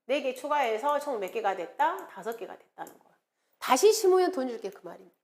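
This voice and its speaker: 암기법을 리듬감 있게 외우고 수시로 질문을 던지며 강의하는 중년 여성 강사. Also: female voice, high-pitched, brisk. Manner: lively, sing-song mnemonic chanting, rhetorical questions. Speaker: exam prep lecturer. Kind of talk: classroom lecture with mnemonics.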